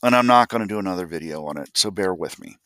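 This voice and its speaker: A man's voice: sits low, animated, quick pace, sharp tone, dry recording, studio quality. An older man from Ohio telling a family story as a vlogger, folksy and blunt, and acting out the voices of the people in it. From Columbus, Ohio, USA. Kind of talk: personal storytelling.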